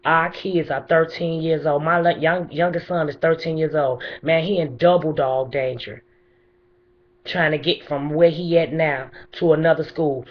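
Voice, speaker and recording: A woman's voice: low-pitched, steady tone, moderate pace, dull audio. A middle-aged woman making an unscripted spoken appeal in a plain, insistent, emphatic way. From Chicago, USA. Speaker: bereaved mother addressing the mayor.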